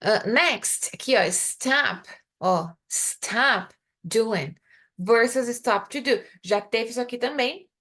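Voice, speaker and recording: Teaching an English lesson live online, a young adult woman with a Brazilian Portuguese accent explains things in Portuguese and pronounces the English example phrases slowly and carefully. Her voice is fairly high-pitched and sharp, with lively intonation.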